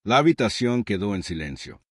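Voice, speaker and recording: Low-voiced man narrating a sci-fi story. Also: big pitch swings, fairly quick, dry recording, clean studio sound.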